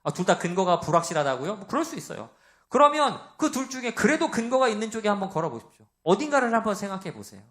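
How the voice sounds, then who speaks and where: Young male pastor, loud and animated, sermon delivery, fairly high voice with a lively swinging pitch. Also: fast. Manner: animated, acts out quoted voices, asks the congregation questions.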